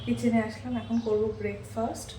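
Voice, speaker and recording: A young woman talks through her daily routine in a relaxed, step-by-step vlog manner. Her voice sits a little high. The sound is roomy, with household noise behind her. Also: fairly quick. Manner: chatty, explains each step as she goes. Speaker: vlogger. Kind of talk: casual vlog narration. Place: at home, kitchen and bedroom.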